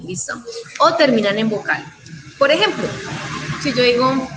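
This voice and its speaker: Patient Colombian teacher, middle-aged woman, higher voice, faint hiss of a video call. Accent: Colombian Spanish. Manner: patient, checks understanding with frequent questions. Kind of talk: online class explanation.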